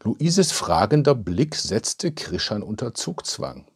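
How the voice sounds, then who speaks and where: A man narrating a humorous village story calmly, as in an audiobook. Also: medium pitch, breathy edge, dry recording, studio quality. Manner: calm, measured storytelling.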